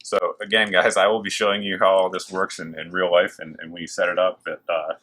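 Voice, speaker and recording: A man's voice: deep voice, level tone, a little fast, pushed and bright. A man hosting a gear showcase in a casual, enthusiastic, informal way, with machine noise behind him in a working factory. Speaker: host of a gear review video. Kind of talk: casual product showcase to camera. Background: working machines and clicks.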